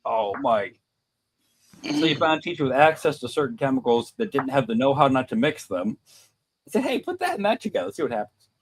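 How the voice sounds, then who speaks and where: A man's voice: mid-range voice, very animated, fairly quick, breathy edge. A man from Ohio in casual chat, teasing the others and laughing often, talking over a remote call. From Ohio, United States. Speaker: podcast co-host. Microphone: remote call setup.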